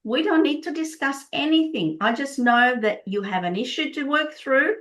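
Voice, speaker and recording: A middle-aged Prague woman, a native Czech speaker and Body Code practitioner, explains her work with earnest enthusiasm as an interview guest. Her voice is high and animated, with a fairly bright tone and a moderate pace.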